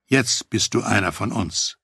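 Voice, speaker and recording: A man voicing a commanding male Mafia capo who speaks firmly and emphatically, in a gravelly, husky voice. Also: fairly low pitch, a little slow, a bit bright, no room sound, clean studio sound, full character voice.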